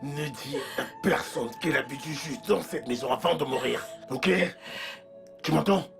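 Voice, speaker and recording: An actor dubbing an anxious husband, talking urgently and repeating himself in a dubbed film. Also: male voice, on the high side, moderate pace, gravelly, a bit bright, faint music behind. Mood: insistent.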